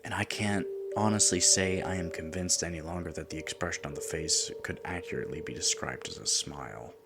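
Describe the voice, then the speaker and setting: A man narrating a first-person horror story in a measured, hushed delivery, sometimes dropping to a whisper. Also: low-pitched, gravelly, heavy background noise. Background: music.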